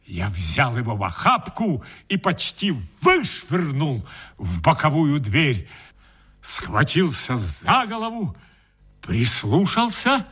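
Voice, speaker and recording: A man narrating a first-person story in an expressive, dramatic reading. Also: a little high, slow pace, slightly rough. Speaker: audiobook reader.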